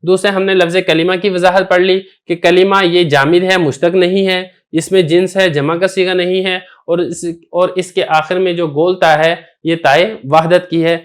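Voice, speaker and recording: A man's voice: sits high, flat delivery. A male teacher giving a recorded grammar lesson, explaining step by step and asking and answering his own questions. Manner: recites quoted text slowly and deliberately.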